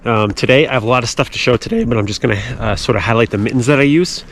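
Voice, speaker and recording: A man giving casual, halting trail narration as a hiking vlogger, outdoors on a snowy mountain. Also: medium pitch, fairly bright tone. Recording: clearly noisy outdoor recording with clicks.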